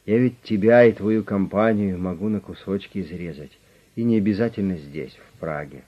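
A loud, blustering crime boss, all threats and snapping replies, as a male reader puts him on. His voice sits fairly low but climbs when he threatens. It comes through a dull, lo-fi recording. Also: normal speed. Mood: menacing.

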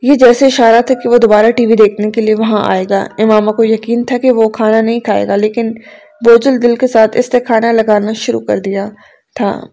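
A woman reading a novel aloud in a measured, dramatic storytelling way. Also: on the high side, little pitch movement. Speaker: novel reader. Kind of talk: scripted narration. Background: soft background music.

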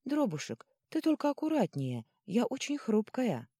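A woman's voice: fairly high pitch, huge pitch swings, normal speed, dark tone, breathy edge, no room sound, studio quality, pitched above the performer's own voice, exaggerated voice. A woman voicing a young female sorceress who pleads and calls out urgently. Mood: pleading.

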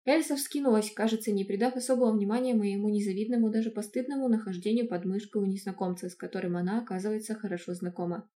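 Mellow woman narrating an audiobook. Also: mid-range voice, quick pace, hardly any pauses. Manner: lively, expressive storytelling. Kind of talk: first-person fantasy audiobook narration.

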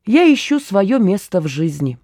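A woman reading aloud plays a stubborn young woman with a quick, sardonic tongue, bossing people around in a dark, mellow voice. The recording is close and dry. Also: medium pitch, big pitch swings, no room sound. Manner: brisk, sardonic, bossy. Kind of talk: audiobook character voice.

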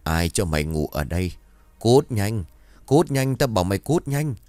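A man's voice: fairly low pitch, sing-song, moderate pace, a little mellow, no echo. A man voicing an angry female ghost who barks threats at a child. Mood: menacing. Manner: barking, threatening orders. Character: angry ghost woman, harsh and menacing.

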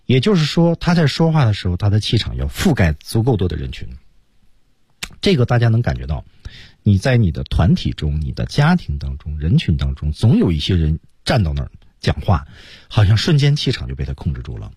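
A man teaching English on a radio program, explaining pronunciation step by step and drilling words slowly. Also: low-pitched, huge pitch swings, darkish tone, slightly rough, no room sound, clean studio sound. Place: radio studio.

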